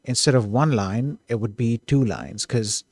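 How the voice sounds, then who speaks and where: Excitable man puzzling over code aloud. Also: medium pitch, unhurried, no room sound, studio quality. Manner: excitable, self-correcting, trails off and restarts. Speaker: streamer coding live. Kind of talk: thinking aloud while coding.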